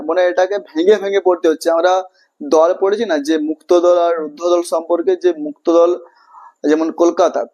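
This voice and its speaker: Bengali male teacher, high voice, repeats himself, keeps checking the class follows. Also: mellow. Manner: repetitive, checks understanding often, asks and answers own questions. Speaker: English teacher. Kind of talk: classroom grammar lesson.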